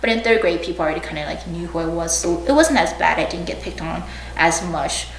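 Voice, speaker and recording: In this oral history interview, a young adult woman from China and the US recalls her past informally, hedging as she goes. Her voice sits lowish and sounds animated and brisk. The recording carries room echo from a far-off mic and a faint hum of background noise.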